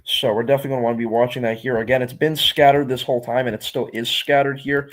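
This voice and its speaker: A man's voice: medium pitch, level tone, fast talker. A man giving unscripted live storm-tracking commentary as a stream host, instructive and often repeating himself. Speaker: livestream weather host.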